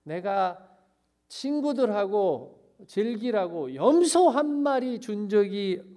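A preacher acting out a furious resentful elder son. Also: male voice, fairly high pitch, lively intonation, unhurried, dark tone. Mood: indignant. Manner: harsh and indignant. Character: resentful elder son, grown man, seething with anger.

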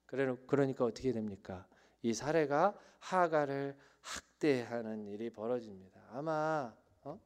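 A male pastor preaching a sermon, dramatic, swinging between loud outbursts and hushed tones and acting out quoted lines. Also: medium pitch, measured pace.

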